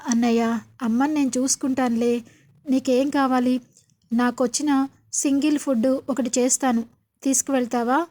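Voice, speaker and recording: A woman's voice: high-pitched, fairly even intonation, moderate pace, long pauses, dark tone, lightly acted. A woman reading the lines of a cheeky younger sister in a serial retelling, playful and teasing.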